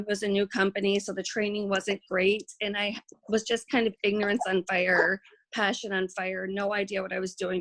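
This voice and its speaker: Recorded for a video with no echo, a network marketing trainer runs a casual team session in a mid-range, slightly bright voice. She rambles chattily, full of fillers and restarts, and admits she feels shy and nervous.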